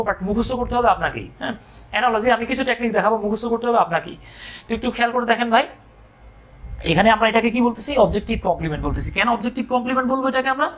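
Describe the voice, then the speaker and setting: A man's voice: high-pitched, fairly bright tone. Man, grammar teacher, lesson talk, jokey asides, rhetorical questions.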